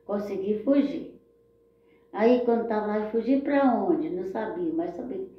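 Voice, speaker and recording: A woman's voice: mid-range voice, unhurried. A Brazilian woman shares her personal story in a heartfelt, rambling way, often turning to her listeners. The sound is dull and lo-fi, with strong echo around her voice. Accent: Brazilian Portuguese. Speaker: storyteller sharing her life.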